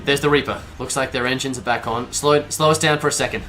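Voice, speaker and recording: In a scripted audio drama, a man plays a cavalier, wisecracking smuggler pilot, sarcastic and breezy yet urgent and commanding here. His natural, medium-pitched voice moves at a quick pace over background music.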